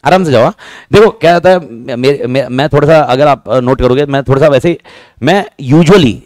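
A man teaching a class, talking fast and repeating himself, joking with his students. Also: mid-range voice, darkish tone, no room sound. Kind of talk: lively classroom lecture.

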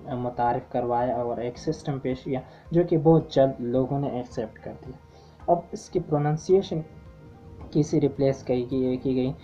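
A woman giving a lecture-style lesson, hesitant, often pausing on filler sounds and restarting her phrases. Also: extremely low pitch, dark tone. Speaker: teacher. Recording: dull lo-fi with faint music.

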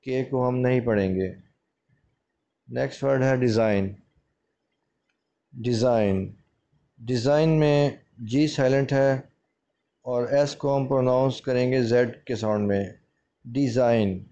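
A man teaching English pronunciation as a lesson, repeating each word slowly and explaining its meaning. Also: medium pitch, mellow.

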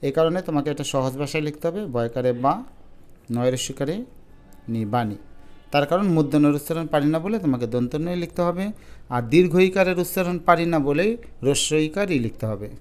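A man teaching an exam-prep lesson, pronouncing each word slowly syllable by syllable to model it. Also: on the high side, darkish tone, smooth. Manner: drawn-out slow syllables when modelling words.

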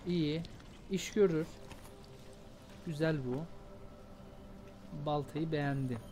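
Slow-talking man narrating gameplay. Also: a little high, slight background noise. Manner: slow, drawn-out talk breaking into loud shouts during fights. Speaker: gameplay commentator. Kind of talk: casual let's-play commentary.

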